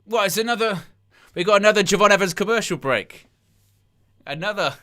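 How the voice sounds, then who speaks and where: This man's voice is high-pitched and sharp, with lively intonation and a fairly quick delivery. As a wrestling livestream host, he rambles through disbelieving asides during the watchalong and reads out chat comments between plugs for likes.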